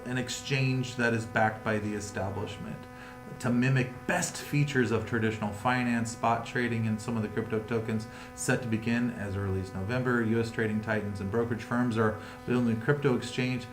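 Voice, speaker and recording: A man's voice: mid-range voice, fairly even intonation, fairly quick. A man hosting a livestream, reading news headlines aloud and riffing on them in a rambling, casual way. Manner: rambling, reads headlines then riffs. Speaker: livestream host. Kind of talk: casual crypto news chat. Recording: echoey room with music behind.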